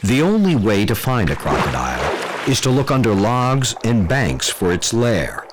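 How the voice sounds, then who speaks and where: A man's voice: on the low side, sing-song, unhurried, background noise. A man narrating a nature documentary from a script, as the narrator. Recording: music under the voice.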